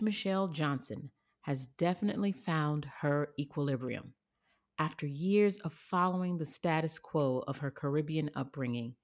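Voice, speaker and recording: A woman hosting a podcast, introducing her show and guest with emphatic, upbeat energy. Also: low voice. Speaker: podcast host.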